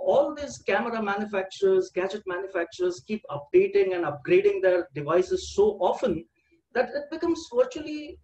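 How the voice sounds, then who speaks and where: A man's voice: sits high, darkish tone, a little hiss or hum, low-quality recording. An older man giving an online seminar presentation over a video call, with a headset mic and a hesitant manner full of "uh" and repeated words.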